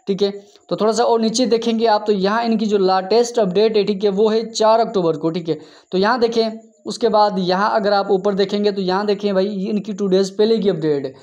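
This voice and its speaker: A man's voice: sits high, a little mellow. Exasperated man ranting about apps. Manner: exasperated, scolding, tags lines with 'theek hai'. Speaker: crypto app channel host. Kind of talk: screen-share commentary rant.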